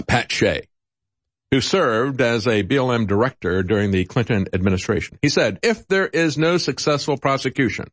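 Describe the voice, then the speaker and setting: A man's voice: medium pitch, a bit bright, no echo. A man delivering political commentary in an earnest, emphatic, oratorical way.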